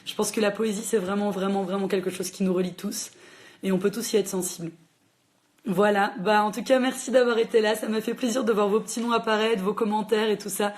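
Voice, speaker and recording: A woman hosts a casual livestream book chat for a library. She talks fast and chattily, with lots of fillers. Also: mid-range voice, steady tone. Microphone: phone livestream.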